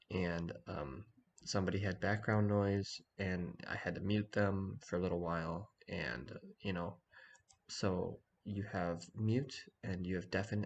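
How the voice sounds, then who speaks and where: Man, quiet early-morning voice, gravelly fry, casual tutorial delivery, some background noise. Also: sits low. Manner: talking quietly early in the morning so as not to wake anyone. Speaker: online community organizer giving a tutorial. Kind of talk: casual screen-share walkthrough.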